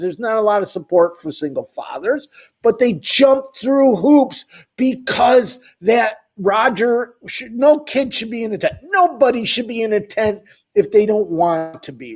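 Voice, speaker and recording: A man with a high, slightly mellow voice hosts an advocacy channel on homelessness. His direct-to-camera talk is impassioned and emphatic, a rant pointed right at the people watching.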